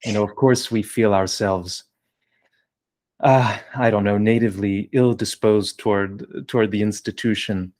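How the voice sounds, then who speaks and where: Low-voiced man, wordy podcast host. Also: steady tone, a little slow, a little mellow. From New Jersey. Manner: discursive, wordy, many fillers. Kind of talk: podcast interview.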